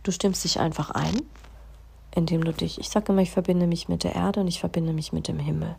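A woman giving a calm, meditative spiritual self-help monologue, slowing down on key phrases and sometimes dropping into a soft whisper. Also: fairly low pitch, vocal fry, breathy edge. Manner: slow, drawn-out emphasis on key phrases.

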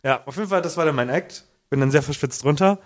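A young man co-hosting a podcast in casual chat, telling stories with animated energy and shouting out the scenes he acts out. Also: on the high side, fast talker. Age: young adult. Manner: animated storytelling, shouts when acting out scenes. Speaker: podcast co-host.

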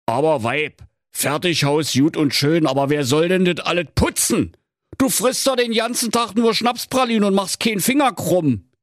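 A man's voice: high-pitched, normal speed, no room sound, clean studio sound, voice pushed up, natural voice. A man voicing a good-natured, henpecked excavator driver who pleads and grumbles about his wife. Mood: protesting. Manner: pleading, exasperated, rhyming chants. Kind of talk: comic fairy tale reading.

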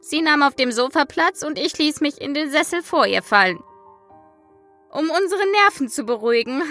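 A woman playing a frightened, snippy grandmother who gives dramatic, deliberate testimony in a German horror audio drama. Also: high-pitched, pushed and bright. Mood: snippy, composed.

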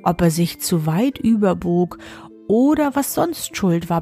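A woman reading a fairy tale aloud in a calm, measured storytelling manner. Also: medium pitch, husky.

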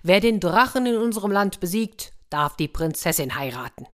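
A woman voicing a blustering old king who proclaims his plans in a booming, pompous way in a children's story reading. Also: lively intonation, moderate pace, lightly acted.

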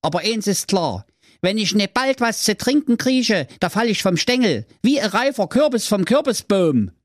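A man performs a brash, greedy young brother, raising his voice above its natural pitch into a crude comic register with big pitch swings. He speaks at a moderate pace, and the mood is wistful. The recording is dry with clean studio sound.

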